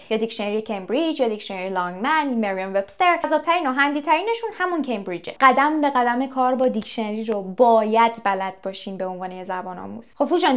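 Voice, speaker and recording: A young woman with a voice on the high side teaches English in a casual video lesson. Speaking straight to viewers, she asks them questions and acts out little anecdotes.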